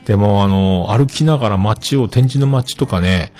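Husky-voiced rambling man. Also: on the low side, moderate pace, darkish tone, faint music behind. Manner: rambling, chatty, self-joking. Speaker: host. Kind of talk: casual solo chat.

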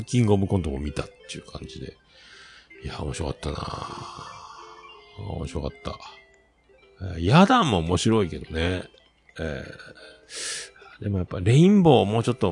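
A man talks alone in a casual, rambling way, full of filler words. His voice sits a little low and gravelly, and his pitch swings widely as he gets animated. The sound is dry and close, with faint music underneath. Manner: chatty, animated, with many fillers. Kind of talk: casual solo talk, rambling storytelling.

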